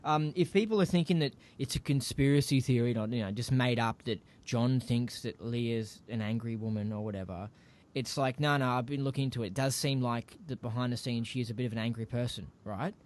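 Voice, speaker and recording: A man's voice: mid-range voice, a little fast, darkish tone. A man co-hosting a podcast, rambling and restarting himself as he asks his questions. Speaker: podcast co-host. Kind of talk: casual podcast discussion.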